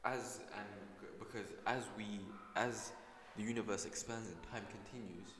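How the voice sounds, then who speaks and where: A man's voice: on the low side, steady tone, normal speed, background noise. Rambling teen boy in an echoey room. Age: teens. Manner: rambling, restarts often, playful. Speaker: student podcast co-host. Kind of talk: casual chat. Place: school room. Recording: echoey room with long reverb.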